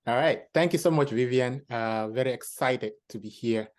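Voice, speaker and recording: A man from Cameroon, founding director of a health program, explaining its background in a measured way with many fillers. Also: medium pitch. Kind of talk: panel conversation.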